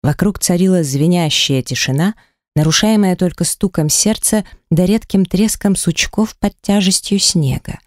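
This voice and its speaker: A narrator reads a first-person audiobook in a measured, steady way. The voice is mid-pitched. It is recorded in a studio with a very dry, close sound. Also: no echo.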